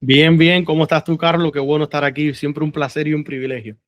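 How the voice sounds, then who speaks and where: A man's voice: fairly high pitch, level tone, a little fast, no echo. A man from Cuba giving his personal testimony as a guest on a video call, earnest and full of hesitant fillers. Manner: earnest, many "eh" fillers, laughs easily.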